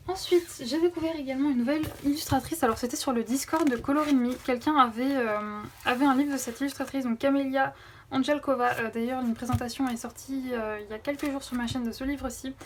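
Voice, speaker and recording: Recorded on a phone camera with a faint hiss or hum, this casual haul vlog features a young woman whose high, slightly mellow voice moves at a quick pace. She chats enthusiastically about coloring books, using many fillers.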